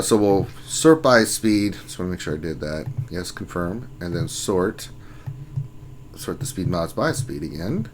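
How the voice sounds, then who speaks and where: A man's voice: deep voice, slight background noise. A man hosting a casual gaming livestream, reading viewer chat aloud and joking with his co-hosts. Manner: reads chat names aloud, joking and teasing. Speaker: livestream host.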